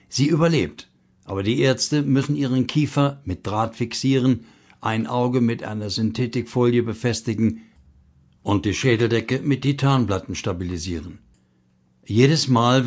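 A man reading a blog article aloud as a devotional reading, earnest and measured, slowing down to stress key phrases. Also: medium pitch, darkish tone.

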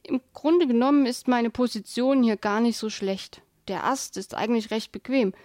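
A woman's voice: fairly high pitch, steady tone, moderate pace, darkish tone, no echo, studio quality, lightly acted. A woman voicing a grumpy, sarcastic male hamster who whines and panics while clinging to a branch. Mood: anxious.

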